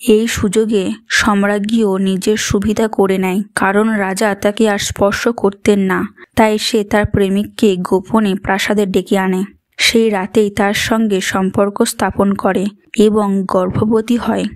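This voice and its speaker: A woman narrating a drama recap in a dramatic, brisk storytelling manner. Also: mid-range voice, level tone, dry recording.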